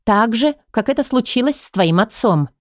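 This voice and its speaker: A woman reading the lines of a calm, persistent female psychologist in an audiobook. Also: a little high, normal speed, no room sound, clean studio sound, natural voice. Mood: insistent.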